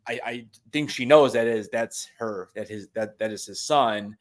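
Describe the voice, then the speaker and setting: A man's voice: medium pitch, moderate pace. A man hosting a live TV review, thinking aloud tentatively in casual chat.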